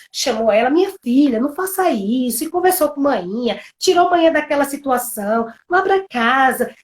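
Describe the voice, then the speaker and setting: A woman co-hosting a live stream, casually and dramatically retelling her family's story over a video call. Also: a little high. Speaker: co-host of a couples live stream.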